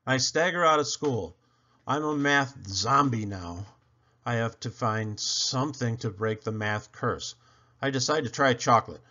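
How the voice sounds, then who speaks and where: With dramatic emphasis and playful swoops, a man performs a children's picture book in a lively storyteller style. He speaks at medium pitch and an unhurried pace, and the audio sounds dull.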